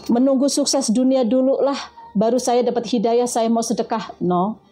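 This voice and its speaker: A woman preaching to a gathered audience in a lively, conversational way, often asking questions of her listeners and slipping in Arabic prayers. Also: normal speed. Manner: lively, animated, rising and falling in pitch, addresses audience as friends; mixes casual speech with Arabic prayers. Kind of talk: religious talk to a live audience.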